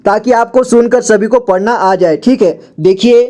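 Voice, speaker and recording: A woman's voice: on the high side, mellow. Patient woman teaching the Hindi alphabet. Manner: patient, repeats "ठीक है" and "देखिए" often, drills syllables slowly. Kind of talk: slow classroom explanation.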